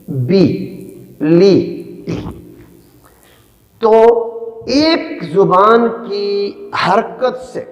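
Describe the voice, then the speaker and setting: A man teaching a spelling lesson, speaking slowly and deliberately and breaking words into syllables. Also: a little high, darkish tone. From Pakistan. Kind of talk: classroom lecture. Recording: echoey room with long reverb.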